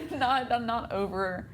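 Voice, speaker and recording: A young woman hosting a casual student interview, encouraging and quick to respond. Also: fairly high pitch, expressive, a little hiss or hum. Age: young adult. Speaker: student host.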